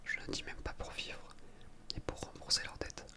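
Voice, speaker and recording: Whispering softly, as if in a library, someone reads from a book for ASMR at normal speed. They sometimes trip over words and go back to fix them.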